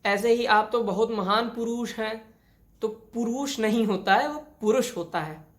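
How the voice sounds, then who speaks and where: A woman's voice: a little high, moderate pace. A woman teaching a grammar lesson, explaining each rule step by step and repeating it with many examples. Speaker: Hindi teacher. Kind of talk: classroom lesson on spelling.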